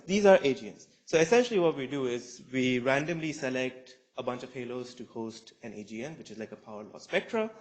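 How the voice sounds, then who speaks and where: A man in his twenties with a mid-range voice, captured in a low-quality recording, presents a scientific talk. He's a PhD student researcher speaking at a conference in a lecture room.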